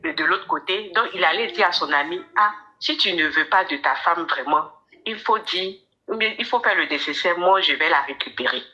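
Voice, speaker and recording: A woman with a fairly low but bright, forceful voice tells her own story on a call. She speaks haltingly and often repeats words as she goes. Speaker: caller telling her story.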